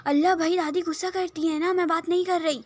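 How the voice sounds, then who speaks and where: A woman's voice: high-pitched, close to an everyday voice. A woman voicing a whiny, stubborn young woman who keeps refusing. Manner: whining, refusing.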